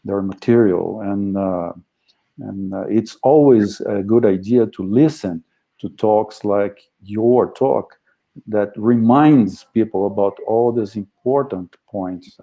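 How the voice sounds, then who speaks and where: A man chairing an academic event, speaking formal, hesitant non-native English in a polite, deliberate manner. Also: on the low side, mellow. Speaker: session chair introducing speakers.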